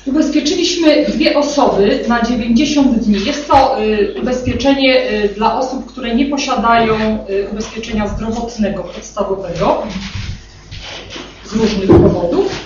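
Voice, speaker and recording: A woman's voice: a little high, unhurried, darkish tone. A woman, a municipal social welfare official, presents an annual report at a meeting, reciting figures with frequent hesitant filler sounds. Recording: echoey meeting room, distant, dull, noisy.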